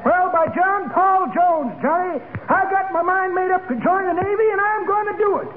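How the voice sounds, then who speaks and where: An actor playing a spry, cheeky, folksy old man with a high old-timer voice in a 1940s radio comedy. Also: steady tone, moderate pace. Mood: jaunty, boastful. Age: older. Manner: folksy, old-fashioned drawling sayings. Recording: tinny, very noisy 1940s radio recording.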